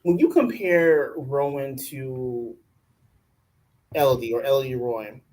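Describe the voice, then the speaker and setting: A man's voice: mid-range voice, measured pace, a little mellow, poor audio. A man in his forties co-hosting a reality-show recap, laid-back with wry jokes and lots of "like". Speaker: podcast co-host reviewing a reality show. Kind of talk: casual commentary chat.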